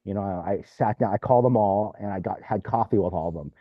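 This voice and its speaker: A man's voice: lowish voice, fast talker, no room sound. A man who is a former mayor, telling stories casually and rambling, with "you know" and "right?" scattered through his talk. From California. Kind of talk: casual storytelling. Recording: dry tinny phone-like line.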